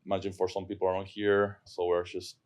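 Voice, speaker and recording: A property manager with an Argentine Spanish accent chats as a guest on a casual podcast, earnest and often repeating words while he thinks. His low-pitched voice has a darkish tone, a completely flat delivery and a fairly quick pace.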